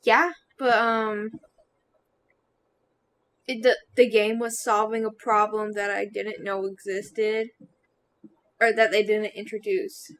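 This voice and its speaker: A woman's voice: medium pitch, level tone, slow, pauses often, fairly bright tone. A young adult woman chatting casually about a video game as a co-host. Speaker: gameplay co-host.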